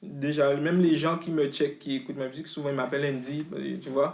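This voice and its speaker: A man's voice: a little high, little pitch movement, fast talker, darkish tone. A man, a rapper talking as an interview guest in a loose, slangy way full of restarts. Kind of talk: casual interview chat. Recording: roomy echo.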